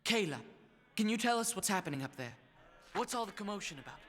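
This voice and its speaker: An actor playing a brave, concerned captive animal leader in a cartoon, urgent and earnest. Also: male voice, high-pitched, animated, quick pace, a bit bright. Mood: urgent, determined.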